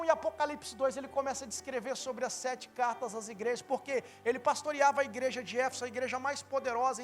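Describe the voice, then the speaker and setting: A man with a Brazilian Portuguese accent preaching a sermon in church, telling a story animatedly and acting out the dialogue, rising to loud emphasis. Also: very high voice. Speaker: pastor. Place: church, live sermon with slides.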